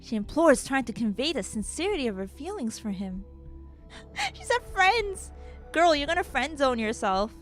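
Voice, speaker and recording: A woman live-streams a visual novel, reading its narration aloud and reacting with giggles and slang. Her voice is high and swoops widely in pitch. Faint game music plays behind her. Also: big pitch swings, normal speed.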